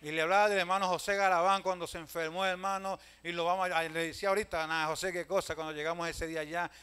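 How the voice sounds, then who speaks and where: A man, a pastor telling stories in a sermon, swinging from loud calls to hushed asides and often addressing listeners as brother. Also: high voice, flat delivery, quick pace, clear, resonant tone. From Venezuela. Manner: storytelling preacher, swings from loud calls to hushed asides, keeps saying "hermano".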